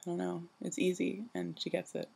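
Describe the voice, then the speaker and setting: A young adult woman who just woke up, talking in a sleepy, casual vlog style, rambling haltingly and self-deprecatingly with a husky, creaky voice. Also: on the low side, level tone, mellow. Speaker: vlogger. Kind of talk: casual personal vlog monologue.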